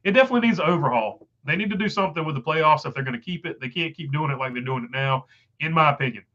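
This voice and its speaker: Speaking very fast and animatedly, this man has a fairly high, pushed, bright voice heard through a muffled recording. He's stuffed up and losing his voice as he hosts a casual livestream, rambling over viewer comments with plenty of fillers.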